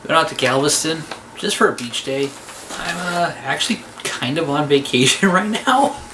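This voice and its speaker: A man in his forties giving a relaxed, offhand voice-over recap of a trip from a small room at home. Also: a little high, moderate pace, background noise. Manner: relaxed, offhand, trailing fillers. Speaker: vlogger.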